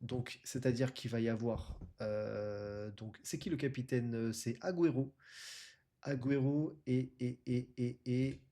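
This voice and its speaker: A man's voice: medium pitch, steady tone, measured pace, dark tone. A man casually presenting and commentating live on an online football tournament as its streamer and host.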